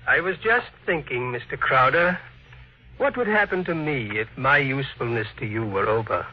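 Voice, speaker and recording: Meek, husky older subordinate. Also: male voice, medium pitch, lively intonation, moderate pace. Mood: meek, uneasy. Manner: hesitant, meek. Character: timid, deferential longtime engineer employee, older man. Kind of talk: 1950s radio drama acting. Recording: dull old radio recording.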